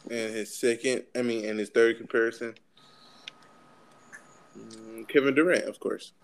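A man's voice: mid-range voice, fairly even intonation, creaky. Hesitant young man in casual chat. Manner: hesitant, lots of ums and pauses. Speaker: chat guest.

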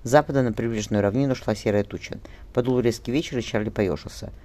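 A man narrating a historical novel as an audiobook in a lively, expressive reading with small slips. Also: medium pitch, fast talker. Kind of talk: scripted narration.

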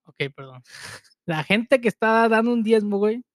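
A young man speaks in a fairly high voice. He jokes in street slang and keeps questioning his co-host in a loose chat. The recording is dry and close. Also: lively intonation, moderate pace, no room sound. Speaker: podcast co-host. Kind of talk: casual chat.

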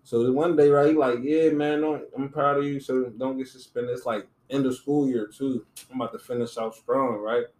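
A man casually telling a story on a podcast, animated, acting out other people's lines in raised voices and laughing often. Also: medium pitch, moderate pace, few pauses. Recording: roomy with faint noise.

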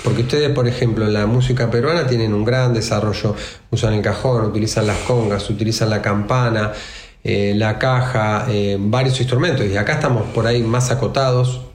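A man's voice: fairly low pitch, fairly even intonation, brisk, roomy sound. A man from Argentina hosting a radio interview, asking questions in a hesitant way and repeating words.

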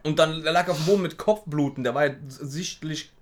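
A young man in a casual chat, insistent and talking in quick bursts to hold the floor. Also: on the high side.

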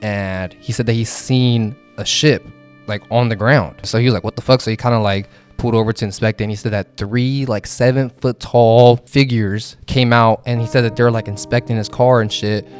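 A man's voice: on the low side, fairly even intonation, normal speed, soft background music. A young man chatting casually and telling stories in slangy, profane frat-bro talk. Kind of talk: casual chat, storytelling.

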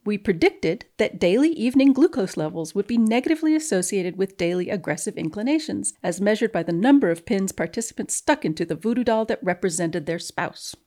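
A woman scientist, appearing as a guest reader, gives a dramatic reading of a research paper, delivering the formal text in a precise, straight-faced manner. Her mellow, medium-pitched voice has lively intonation and moves a little fast with few pauses.

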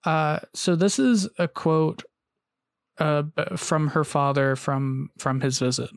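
A man hosting a casual storytelling podcast. He has a gravelly voice pitched a little high. He recounts events haltingly, with many "uh"s and restarts, and the sound is close and dry. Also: fairly even intonation, no echo. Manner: hesitant, frequent "uh" and restarts, reads long quotes aloud. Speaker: podcast host.

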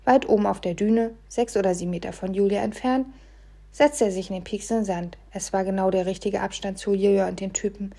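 A woman narrating an audiobook in the first person, expressive, dropping to a hush and rising again with the scene. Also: medium pitch, fairly quick. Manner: expressive, shifts between hushed and loud for the scene. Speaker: audiobook reader.

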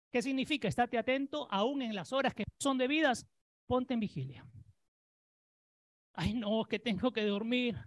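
A preacher giving a sermon, urging and commanding the listeners and mocking their excuses with whiny imitations. The voice swings between loud emphasis and a lowered tone. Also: no room sound. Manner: mocks people by imitating their whining.

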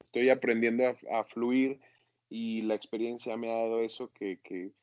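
A man's voice: medium pitch, little pitch movement, moderate pace, dry recording, highs cut off. A man, an actor being interviewed, talking casually and acting out his own self-critical inner voice.

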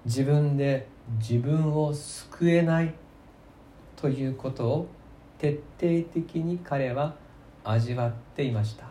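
A man's voice: on the high side, slow pace, echoey room, a little hiss or hum. Emphatic male pastor preaching. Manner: emphatic storytelling with sudden loud and soft swings; asks the congregation rhetorical questions. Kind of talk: sermon.

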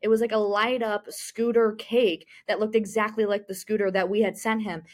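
A woman's voice: mid-range voice, flat delivery, moderate pace, darkish tone. A woman, a marketing communications manager, giving interview answers in a chatty way full of "you know" fillers.

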